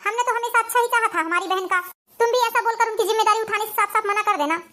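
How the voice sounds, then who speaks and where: Shrill scheming cartoon wife, quick and pushy, woman voicing her. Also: pushed and bright. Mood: insistent. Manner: persuasive, insistent. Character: scheming young pregnant wife, sharp-tongued. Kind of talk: Hindi cartoon family drama.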